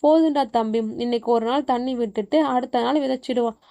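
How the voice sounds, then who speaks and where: A woman's voice: a little high, fairly quick, mellow, dull audio, natural voice. A woman voicing a worried middle-aged mother of three in a spoken horror story, soothing her son. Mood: coaxing.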